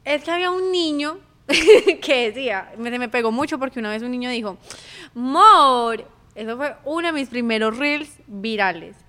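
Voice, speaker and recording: Bright-voiced Colombian woman, giggly. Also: fairly high pitch. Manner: giggly, animated, quick laughs. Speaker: guest. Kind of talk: casual podcast chat.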